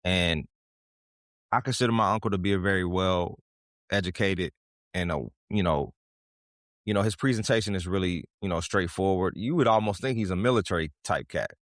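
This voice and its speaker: Deep-voiced man in reflective talk. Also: no room sound, studio quality. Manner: reflective, measured storytelling. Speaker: podcast co-host. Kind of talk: casual conversation.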